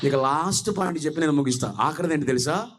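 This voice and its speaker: High-voiced preacher with a Telugu accent. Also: male voice, fast, a bit bright, a little hiss or hum. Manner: call-and-response preaching, calling on the crowd to repeat; rhythmic, repetitive, half-sung. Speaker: pastor. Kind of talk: sermon.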